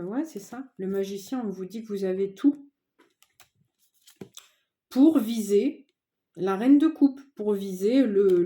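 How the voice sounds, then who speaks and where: A woman giving a casual tarot reading to viewers, chatty and informal, often pausing with fillers. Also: medium pitch, mellow. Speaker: tarot card reader.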